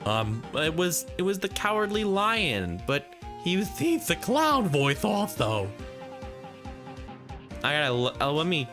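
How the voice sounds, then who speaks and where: A man's voice: a little high, big pitch swings, a little slow, over music. A man giving casual video game commentary, musing aloud and swearing now and then. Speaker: let's player.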